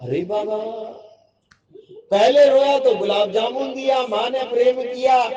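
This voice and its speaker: A man voicing a crafty three-year-old boy in a sermon story, with a high, pleading, childlike delivery. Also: steady tone, a little slow, far from the mic. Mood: complaining. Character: small boy, about three, crafty and whiny. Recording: dull lo-fi sound with a crowd behind.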